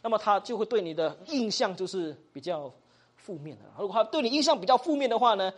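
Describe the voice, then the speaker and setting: At a fast pace and with lively intonation, a mid-range voice delivers a Bible study lesson, acting out sample dialogues, mixing in English, frequently questioning the class, and adding small particles to sentences.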